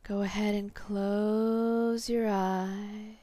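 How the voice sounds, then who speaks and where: A woman guiding a hypnosis meditation in a calm, soothing, meditative tone, soft and breathy, sinking toward a whisper at phrase ends. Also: medium pitch, very slow, no echo. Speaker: hypnotherapy guide.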